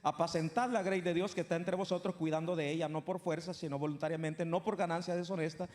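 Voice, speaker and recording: A man's voice: on the high side, fairly even intonation, quick pace, darkish tone. A man preaching a sermon as pastor, talking to his congregation in a conversational way with frequent asides. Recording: long hall reverb.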